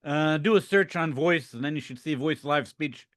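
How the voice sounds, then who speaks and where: A man's voice: on the high side, normal speed, a bit bright, no room sound, studio quality. A man at an online meetup, patiently talking someone through settings step by step. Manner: patient, methodical. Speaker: meetup participant. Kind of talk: giving step-by-step directions.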